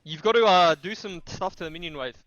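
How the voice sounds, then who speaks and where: A man's voice: high voice, fairly bright tone, dry recording, lo-fi sound. A man co-hosting a gaming stream, joking around in casual banter. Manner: joking, quick to laugh. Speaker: stream co-host.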